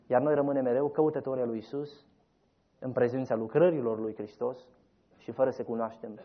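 A man preaching a sermon, telling the story dramatically, rising loud and then dropping soft. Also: mid-range voice. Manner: dramatic storytelling, voices quoted figures, rises loud then drops soft. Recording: dull lo-fi recording.

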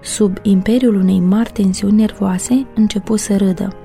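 A woman narrating a novel as an audiobook in a steady, measured storytelling manner. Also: mid-range voice, gravelly, faint music behind.

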